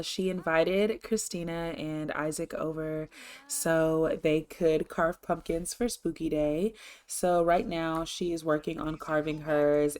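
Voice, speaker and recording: Low-voiced woman narrating gameplay. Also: darkish tone, clear, resonant tone. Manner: chatty and rambling, upbeat. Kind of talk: casual let's-play narration.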